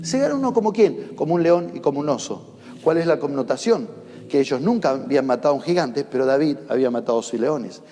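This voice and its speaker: A man with a Rioplatense Spanish accent delivers a sermon, pressing his points and calling on the congregation to repeat after him. His voice sits high for a man. It rings out with a long reverb through the church hall. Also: lively intonation, fast talker, dark tone. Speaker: pastor. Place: church in the United States.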